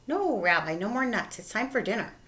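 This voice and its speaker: A woman voicing a kindly, fussing elderly woman with a bright, chirpy manner. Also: medium pitch, very animated, brisk. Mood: gently scolding.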